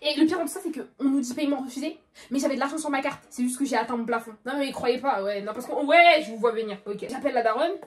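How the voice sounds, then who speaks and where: A young woman in her late teens telling a storytime vlog, animated and dramatic, with sudden loud outbursts. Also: high voice, fast. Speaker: vlogger.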